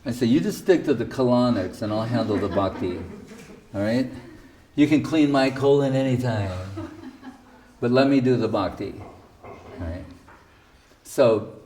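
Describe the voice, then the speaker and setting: This man talks at a measured pace with long pauses, his medium-pitched voice mellow and picked up by a distant mic. In a relaxed spiritual talk, he tells stories about his teacher, quotes people, and slips in wry remarks.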